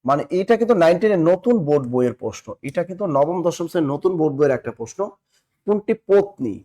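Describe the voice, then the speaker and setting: Energetic Bangladeshi Bengali male teacher. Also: fairly high pitch, quick pace. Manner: energetic, repeats key answers and quizzes viewers. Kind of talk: live online exam-prep class.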